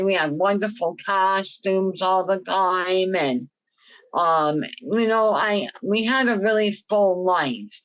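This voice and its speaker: A woman in her fifties with a hypernasal, cartoon-like helium voice, telling her personal story haltingly on a panel. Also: on the low side, a bit bright, smooth. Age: 50s. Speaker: panel guest sharing personal experience. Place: online video meeting. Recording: dull, lo-fi online meeting audio.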